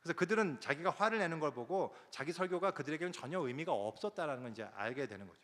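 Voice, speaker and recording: A man's voice: on the high side, fast talker. A man preaching a sermon as a pastor, telling a story and acting out the prayers and words of the people in it. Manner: animated, acts out quoted prayers and dialogue. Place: large church sanctuary. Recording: long hall reverb.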